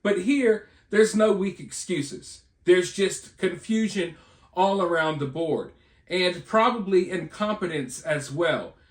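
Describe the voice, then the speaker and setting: An American online commentator and channel host talks slowly in a high voice, musing speculatively about the news. He keeps it conversational and rhetorical, often addressing his listeners directly. Echo fills the roomy recording.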